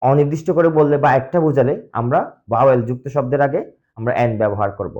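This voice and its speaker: A man's voice: mid-range voice, fast, a little mellow, lo-fi sound. A man who speaks Bengali natively, teaching English grammar step by step and answering his own questions. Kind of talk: explaining grammar lesson.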